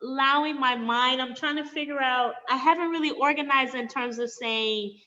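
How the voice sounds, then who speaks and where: A woman's voice: high-pitched, moderate pace, bright, forceful tone. A woman taking part as a guest in a casual chat, talking in a rambling, self-interrupting, giggly way. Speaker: guest participant. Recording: dull lo-fi audio.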